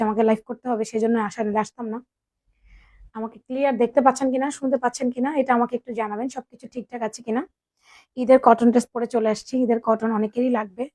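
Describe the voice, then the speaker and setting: A woman with a sore throat hosts a live clothing sale. Her voice sits high and she talks fast and chatty. She greets viewers by name, and the sound is close and dry, with no room echo. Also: a little mellow. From Bangladesh. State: sore throat, speaking softly. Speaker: online clothing seller. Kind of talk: live sales stream.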